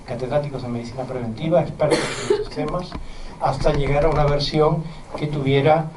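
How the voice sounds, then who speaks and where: A middle-aged physician and university lecturer from southern Spain, with a mild Andalusian accent, speaks earnestly to parents in a steady, slightly fast manner, adding conversational asides. His fairly high voice is captured from afar and echoes through a spacious hall over faint background noise.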